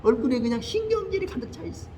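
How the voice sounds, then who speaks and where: Older male pastor, high and very animated preaching voice, faint hiss behind. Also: fast talker. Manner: animated storytelling, acting out quoted voices. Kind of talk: sermon. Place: church sanctuary.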